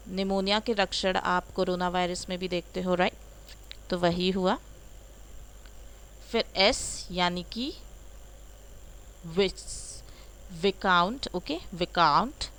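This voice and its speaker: A woman's voice: mid-range voice, a bit bright, poor audio. A woman teaching a spoken English lesson, saying each word and then giving its Hindi meaning.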